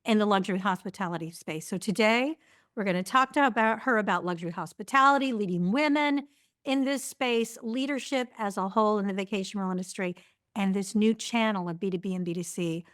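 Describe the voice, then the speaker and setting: A woman's voice: mid-range voice, brisk, fairly bright tone, no echo, clean studio sound. A woman hosting a podcast interview who introduces and questions her guest with enthusiasm and compliments. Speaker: podcast host. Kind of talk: hosted interview.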